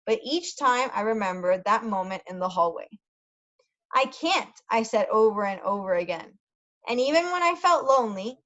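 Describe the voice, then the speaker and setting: For English learners, a tutor reads a story slowly, carefully going back over key words and giving brief Spanish glosses. She has a medium-pitched, fairly bright voice, and the recording sounds lo-fi.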